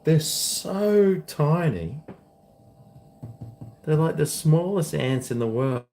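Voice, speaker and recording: Casual male streamer, broad Kiwi accent, unhurried laid-back rambling, recorded off-mic in an echoey room. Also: on the high side, expressive, mellow. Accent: New Zealand. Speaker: streamer chatting to viewers. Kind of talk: casual rambling chat to viewers. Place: indoors, home kitchen. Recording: echoey room, distant mic, faint noise.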